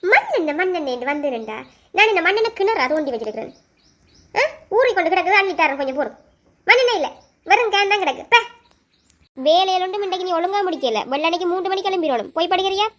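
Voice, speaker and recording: Casting: woman playing a scornful, sarcastic cartoon mother, very high, Sri Lankan Tamil accent. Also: animated, quick pace, a bit bright. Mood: mocking. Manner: scolding, sarcastic. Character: harsh, scornful mother and elder sister. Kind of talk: cartoon voice acting.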